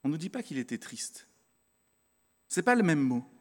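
A man's voice: on the high side, very animated, moderate pace, a little mellow, big-room sound. A man preaching a sermon, speaking conversationally and directly to his congregation, earnestly stressing his convictions. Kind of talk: sermon with Bible reading.

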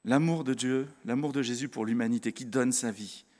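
Male preacher, earnest and conversational, talks straight to the congregation; mid-pitched voice, long hall reverb. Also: normal speed, a little mellow. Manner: conversational, addresses the congregation directly; earnest, stresses his convictions. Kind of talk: sermon with Bible reading.

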